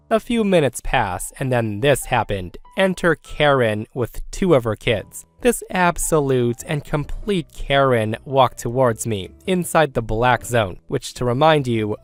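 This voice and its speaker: A man narrates a scripted first-person story in a steady voice of middle pitch. Faint music plays underneath throughout.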